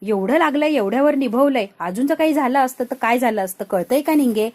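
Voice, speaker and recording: A woman's voice: high-pitched, lively intonation, a little fast, darkish tone. A woman doing an anxious young village man. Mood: worried.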